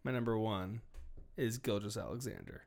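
A man co-hosting a sports podcast in casual chat, animated and profane, swinging between loud bursts and low asides. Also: moderate pace, vocal fry. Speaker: podcast co-host.

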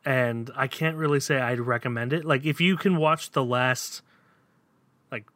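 A man's voice: mid-range voice, a little slow, fairly bright tone, no echo. A man co-hosting a podcast, reviewing films in a casual, hesitant way full of fillers. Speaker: podcast co-host. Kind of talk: casual chat.

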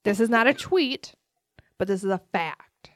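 A woman's voice: medium pitch, lively intonation, a little slow, no echo, studio quality. A woman co-hosting a podcast, telling stories and running a quiz game with lots of laughing. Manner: giggly, storytelling. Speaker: podcast co-host, game runner. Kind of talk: casual chat.

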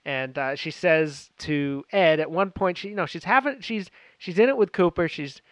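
A man's voice: fairly high pitch, moderate pace, dry recording. Chatty man recapping a TV episode. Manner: chatty, enthusiastic, frequent fillers and restarts. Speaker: podcast host.

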